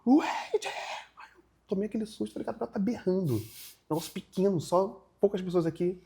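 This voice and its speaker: A man's voice: high-pitched, a little fast. A young man, telling a story in a casual interview and acting out the other people in it. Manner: animated, acts out other people's lines in his retelling. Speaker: guest.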